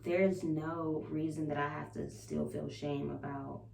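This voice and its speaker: This woman vlogs with candid, emphatic confessions, full of profanity and repeated self-affirmations. She has a deep, creaky, a little mellow voice, a steady tone and a slightly slow pace. The sound carries roomy echo, faint hum and a distant-mic quality.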